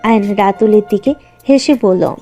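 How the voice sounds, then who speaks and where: A woman narrating a romantic audio drama story in a steady storytelling voice. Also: medium pitch, moderate pace, soft background music.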